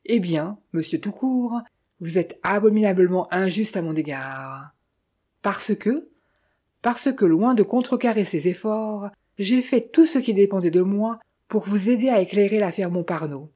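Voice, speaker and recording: A woman voicing a sly, smooth-talking male Italian bandit who mocks with false friendliness, in a storybook reading. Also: medium pitch, expressive, unhurried, dark tone. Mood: mocking.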